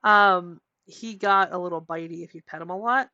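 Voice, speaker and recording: Lively, low-voiced woman podcaster. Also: normal speed, no room sound. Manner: animated storytelling, frequent "like" and swearing. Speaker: podcast co-host. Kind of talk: casual chat. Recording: dry, dull lo-fi podcast audio.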